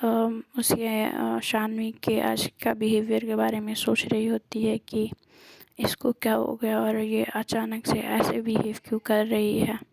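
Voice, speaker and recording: A woman casually retelling a love story in a soft, half-whispered voice, pausing often on fillers. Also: fairly high pitch, monotone, gravelly, dry recording, poor audio. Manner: hesitant, many filler pauses.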